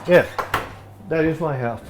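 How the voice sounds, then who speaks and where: A man's voice: a little high, measured pace, background noise. An Australian man, a photographer, chatting casually and rambling while he cooks in his home kitchen. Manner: laid-back, rambling, laughs easily. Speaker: photographer hosting a live stream. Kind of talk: casual chat while cooking. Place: home kitchen in a wooden cabin.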